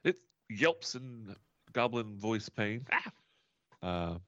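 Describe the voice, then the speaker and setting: Gravelly joking man running a game. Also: lowish voice, slow pace, no echo, highs cut off. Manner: joking, laughs often. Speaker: game master.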